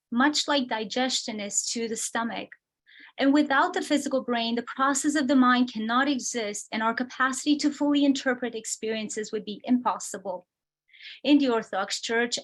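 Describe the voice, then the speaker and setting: Measured woman lecturing over video call. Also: fairly high pitch. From Romania. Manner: measured, explanatory, reads from slides. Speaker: guest speaker. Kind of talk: prepared lecture.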